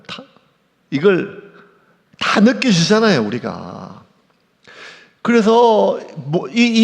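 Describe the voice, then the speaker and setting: A man preaching a sermon, his high voice gravelly and swinging widely in pitch. He pours emotion into the words and sometimes sinks to a hushed near-whisper. The church hall lets his voice ring out in a long reverb. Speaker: pastor. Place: church sanctuary.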